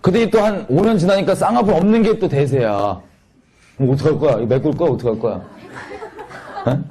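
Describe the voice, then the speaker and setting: A man's voice: fairly high pitch, a little fast, dark tone, slightly rough. A man preaching a sermon to young listeners, talking in a colloquial style and putting rhetorical questions to the audience. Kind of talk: sermon to a youth gathering.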